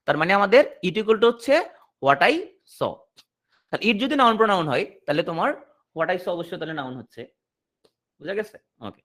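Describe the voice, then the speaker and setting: Male tutor, online class; animated delivery that rises and falls, reads example sentences slowly. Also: sits high. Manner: explains in a question-and-answer rhythm, repeating and checking understanding; reads English sentences slowly and deliberately, then translates. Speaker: English teacher.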